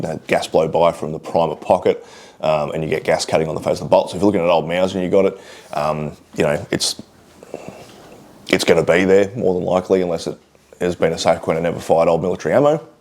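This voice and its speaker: A man's voice: sits low, darkish tone. An Australian man hosting a hunting channel, who reads out viewer comments and answers questions in a blunt, sardonic and heavily profane way. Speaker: host of a hunting and shooting channel. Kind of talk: casual vlog, reading comments and answering questions.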